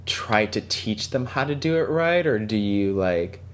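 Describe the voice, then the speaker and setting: A man's voice: fairly low pitch, lively intonation, unhurried. A man hosting a podcast in casual chat, with a frank, crude joking manner. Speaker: podcast host.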